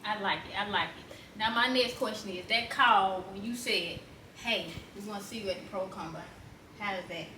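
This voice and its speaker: Bright-voiced Alabama woman interviewer, echoey. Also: mid-range voice, normal speed. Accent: Alabama Southern US. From Montgomery, Alabama, USA. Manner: informal, encouraging, frequent affirmations. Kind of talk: casual interview chat. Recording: roomy echo, distant mic, faint noise.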